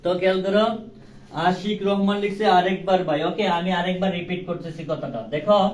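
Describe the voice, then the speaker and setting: A man's voice: high voice, moderate pace. A young man teaching a live online class, asking questions and answering them himself in a casual, joking way. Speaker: online tutor. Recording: roomy, distant mic with faint ambience.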